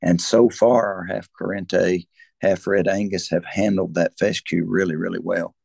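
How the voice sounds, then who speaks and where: Deep-voiced, folksy Southern rancher. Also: male voice, steady tone, moderate pace, gravelly, darkish tone, dry recording. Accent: Southern US rural. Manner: folksy, rambling, repeats words and restarts often. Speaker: cattle rancher, interview guest. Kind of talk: conversational explanation.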